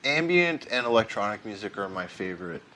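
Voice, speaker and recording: A man being interviewed as a guest session drummer, talking in a relaxed, easygoing way in a recording studio. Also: lowish voice, a little fast, slight background noise, poor audio. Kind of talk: casual interview.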